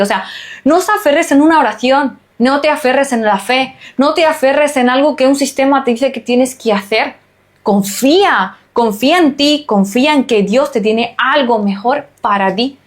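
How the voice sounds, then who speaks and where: Woman, podcast host, earnest and emphatic, slightly high voice. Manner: earnest, emphatic, repetitive exhortations. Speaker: podcast host and holistic nutritionist. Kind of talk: spiritual podcast talk.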